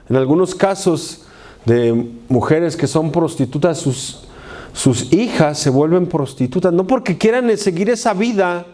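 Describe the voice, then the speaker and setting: A male pastor delivers a sermon, having the congregation repeat key words back to him. His voice sits fairly high but sounds warm and mellow. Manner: call-and-response preaching, repeating key words. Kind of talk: sermon with prayer.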